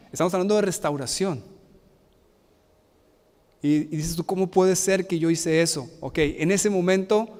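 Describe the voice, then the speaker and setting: A man preaching a sermon as pastor, animated and asking the congregation frequent rhetorical questions. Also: sits high, in a large hall. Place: church sanctuary.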